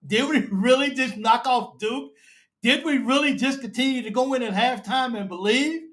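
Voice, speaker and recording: A man hosts a live fan show, excited and emotional, repeating himself and calling listeners baby and bro. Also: very high-pitched, moderate pace.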